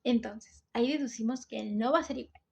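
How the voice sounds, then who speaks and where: Teenage girl, Peruvian coastal accent, slightly high voice, school explainer, step-by-step delivery. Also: fairly quick, creaky, darkish tone, slightly rough. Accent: Peruvian coastal Spanish. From Peru. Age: teens. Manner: explains step by step, often says "entonces". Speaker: student presenter.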